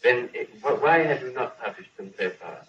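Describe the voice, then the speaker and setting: A man putting measured, persistent questions as an interviewer, heard on an old 1950s archival recording. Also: medium pitch, expressive, crowd noise. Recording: echoey, dull old broadcast recording.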